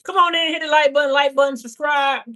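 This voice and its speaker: Speaking fast in a very high voice that stays steady with a sharp tone, a Bahamian livestream host and house flipper keeps things casual. His talk is slangy and playful, loaded with emphatic exclamations.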